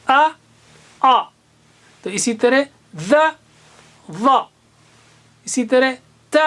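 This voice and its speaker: A man teaching Quran recitation in a classroom lesson. He patiently explains and slowly sounds out single letters and syllables as examples. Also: high voice.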